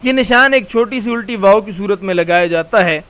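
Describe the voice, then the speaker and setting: Teaching grammar from slides, a male college lecturer speaks in a patient, explanatory way, repeating important terms and slowing his delivery. His fairly bright voice sits high, and the audio is poor.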